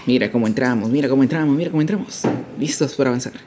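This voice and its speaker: A man's voice: mid-range voice, very fast, background noise. A man streaming a football game live, calling plays like a sports caster and repeating phrases in chant-like bursts. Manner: playful hype shouts.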